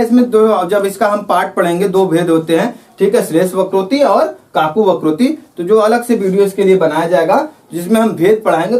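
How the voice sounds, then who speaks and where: A man teaching a Hindi grammar lesson, explaining patiently, repeating himself with filler phrases and reading quoted verse lines slowly. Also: sits high, a little mellow, far from the mic. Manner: repetitive, careful, with frequent filler phrases.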